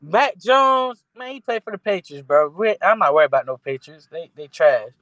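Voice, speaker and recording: High-voiced casual sports podcast man. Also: animated, moderate pace, a bit bright, no room sound. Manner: casual slangy talk, rambling restarts. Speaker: podcast co-host.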